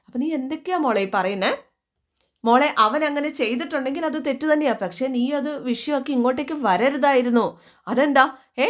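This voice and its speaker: A worried older mother pleading with and gently scolding her daughter, as a woman storyteller puts her on. Her voice sits a little high and stays coaxing rather than harsh, in a retold family drama.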